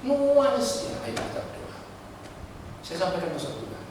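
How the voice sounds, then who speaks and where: A man preaching a sermon, telling stories and urging his congregation with animated, shifting delivery. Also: very high voice, unhurried, heavy background noise. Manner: animated storytelling, switching between pleading and urgent exhortation. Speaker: pastor. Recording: echoey church hall from far off.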